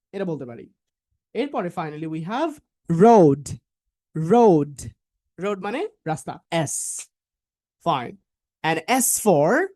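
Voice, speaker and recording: A woman from Bangladesh teaching English pronunciation in a live online class, repeating each word several times and coaxing her learners, with English phrases mixed into her talk. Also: mid-range voice. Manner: drills words by repeating them slowly, coaxing learners.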